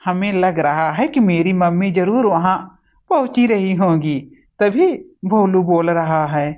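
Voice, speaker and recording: A woman's voice: lowish voice, unhurried, lightly acted. A woman voicing a kind young husband in a family cartoon, speaking soothingly. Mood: calm. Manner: soothing, reassuring. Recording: dull lo-fi audio.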